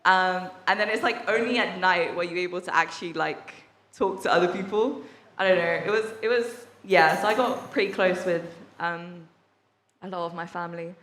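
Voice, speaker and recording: A woman's voice: lowish voice, normal speed, a bit bright. A young woman from England giving a casual testimony at a church service, chatty and full of fillers, laughing often. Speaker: workshop participant sharing testimony. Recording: echoey hall sound.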